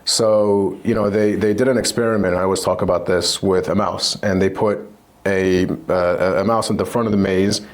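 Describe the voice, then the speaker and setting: Man, from Iraq, entrepreneur guest, lowish voice, conversational, storytelling. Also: steady tone, moderate pace. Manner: conversational, storytelling, repeats words. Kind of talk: casual interview.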